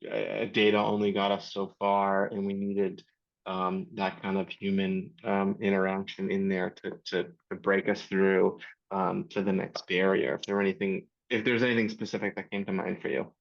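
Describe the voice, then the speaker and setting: A man explaining ideas on a livestream panel, talking quickly with many fillers. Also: sits low, flat delivery, creaky, dull audio. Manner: fast, filler-heavy explaining. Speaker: panel co-presenter. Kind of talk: casual panel discussion.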